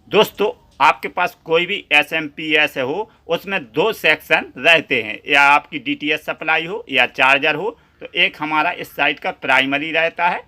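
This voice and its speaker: A man's voice: fairly high pitch, sharp tone. A man hosting a step-by-step repair tutorial in speech, chatty and addressing viewers as friends.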